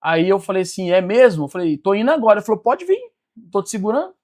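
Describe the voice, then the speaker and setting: A high-pitched man, telling his life story in a podcast interview. He acts out every quoted line with feeling. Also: very fast. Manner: animated storyteller acting out quoted dialogue. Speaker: guest, business mentor.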